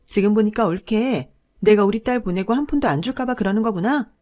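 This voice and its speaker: Brief: greedy, hot-tempered middle-aged woman, played by a female narrator, loud and bossy. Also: medium pitch, brisk, lightly acted. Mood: wheedling. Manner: bossy, scolding, loud in anger.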